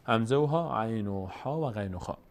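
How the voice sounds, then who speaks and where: A man teaching Quran reading step by step. He is patient and repetitive, answers his own questions, and slowly stretches out sounds when demonstrating them. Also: on the low side, animated. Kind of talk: step-by-step recitation lesson.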